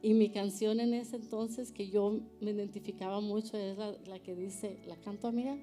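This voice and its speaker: A woman's voice: mid-range voice, steady tone, normal speed, mellow, faint music behind. A woman sharing an earnest personal testimony at a church panel, often ending phrases with a tag question. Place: church service.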